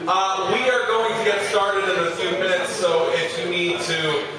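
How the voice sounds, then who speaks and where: A loud, chatty American man warms up a live audience with jokes, speaking a bit high in a relaxed, informal way. He sounds far from the mic in a very echoey room, with the crowd clearly murmuring around him. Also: moderate pace. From western Massachusetts, USA. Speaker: performance poet leading a workshop. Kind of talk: casual talk to an audience. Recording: very echoey hall, distant mic, audience noise.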